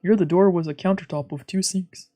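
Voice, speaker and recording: A streamer and let's player reads visual novel narration aloud with casual asides while music plays behind. The voice is medium-pitched, dark and briskly paced, with fairly even intonation.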